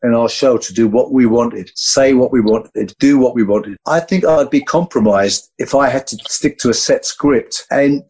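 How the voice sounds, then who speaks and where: A man's voice: mid-range voice, normal speed, few pauses, a little mellow, breathy edge. A man from England, a former TV gladiator, being interviewed and telling stories animatedly while acting out other people's voices. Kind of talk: casual interview storytelling.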